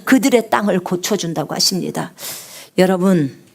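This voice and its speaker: A woman missionary preaching a live sermon on prayer, with a big resonant singer's voice, asking the congregation questions and swinging from loud cries to hushed whispers. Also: fairly low pitch, lively intonation, normal speed, vocal fry, breathy edge. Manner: asks the congregation questions and answers them.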